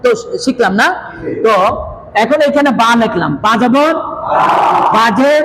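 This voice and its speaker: A man's voice: extremely high pitch, expressive, measured pace, a bit bright. A man teaching Quran reading, repeating letters and asking the class to say them back. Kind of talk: classroom lesson with call-and-response drills. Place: classroom with students. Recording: noisy room with a crowd of learners.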